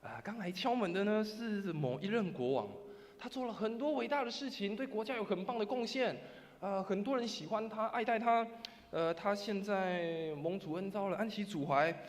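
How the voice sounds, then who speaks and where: A man's voice: high-pitched, expressive, moderate pace, pitched above the performer's own voice. A man voicing a funeral procession leader who bangs on a church door, then pleads meekly, within a sermon. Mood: humble pleading. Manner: shouting loudly, then apologetic and meek. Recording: reverberant church hall.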